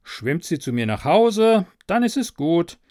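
Man doing a sly young peasant, scheming, coaxing, lively, higher voice, storybook, dry sound. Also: a little slow, gravelly, dry recording, heavily acted. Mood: mock-grumbling.

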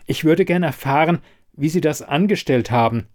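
A man's voice: a little high, moderate pace, darkish tone, pitched above the performer's own voice, close to an everyday voice. A man reading an audiobook and voicing a flustered woman scientist who stammers and hesitates. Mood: insistent. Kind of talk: audiobook character voice.

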